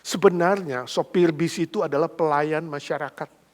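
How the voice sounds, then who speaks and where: A man's voice: on the high side, moderate pace, natural voice. A man voicing a sympathetic-sounding, coaxing middle-aged man in a sermon anecdote. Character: smooth-talking hypocritical middle-aged man.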